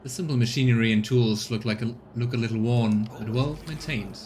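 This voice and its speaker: A man's voice: mid-range voice, brisk, a little mellow, a little hiss or hum. A man doing a let's play, switching between casual commentary and reading the game's narration aloud. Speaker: let's player and streamer.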